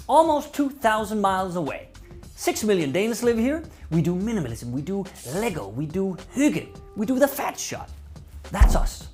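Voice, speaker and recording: A native Danish speaker from Denmark, this satirical presenter addresses the camera in a scripted comedy bit, his Danish accent carrying a dry, sarcastic, mock-polite tone. His voice sits high.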